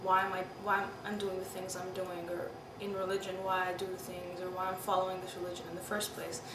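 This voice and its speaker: A woman in her twenties from Pakistan recounts personal memories in a candid, reflective interview, peppering her speech with "you know" and "I mean." Her voice is on the low side and monotone, a little fast, captured by a distant mic in a roomy space with background noise.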